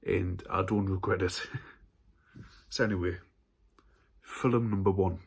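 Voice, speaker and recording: A man's voice: deep voice, steady tone, a little slow, husky. A man hosting a casual haul vlog about horror films, chatty and stumbling over his words at times. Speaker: horror film channel host.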